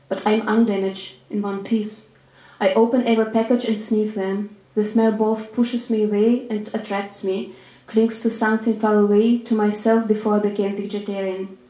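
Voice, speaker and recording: A woman from Ukraine, a writer giving a measured, deliberate reading of her own literary prose. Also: mid-range voice, a little mellow. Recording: roomy echo.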